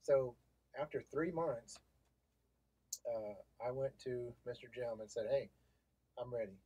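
Man, husky voice, emphatic, repeats himself, casual storytelling guest. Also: medium pitch, measured pace, warm tone, no room sound, rough recording. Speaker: guest, sign business owner. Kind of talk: casual chat.

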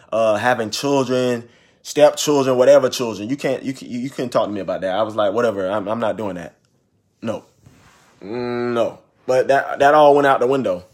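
Young male ministry vlogger, husky and animated, emphatic repeater. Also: medium pitch. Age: 20s. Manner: emphatic, repeats phrases for stress. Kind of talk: preachy casual monologue.

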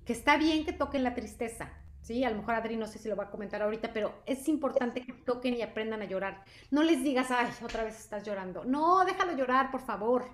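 Casting: woman host, a bit high-pitched, lively and chatty, echoey room. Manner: lively, chatty, asks "¿sí?" often. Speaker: host, product presenter. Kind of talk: live presentation.

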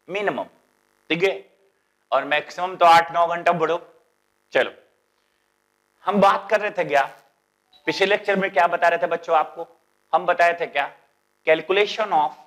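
High-pitched guy teaching chemistry, bihari hindi accent, keeps asking the class questions. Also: fairly bright tone. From India. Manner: chatty, asks students rhetorical questions; drags out English terms slowly while writing. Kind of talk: classroom lecture.

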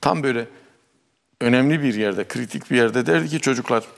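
A man, a talk show guest, telling a childhood fairy tale in an animated way and acting out quoted voices. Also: medium pitch, a little fast, creaky, long reverb tail. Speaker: guest storyteller.

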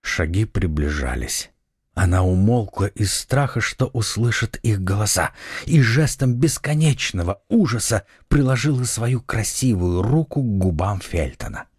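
A man narrating an adventure novel audiobook with an expressive, dramatic reading. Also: fairly low pitch, a little slow, husky, dry recording, clean studio sound. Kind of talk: scripted narration.

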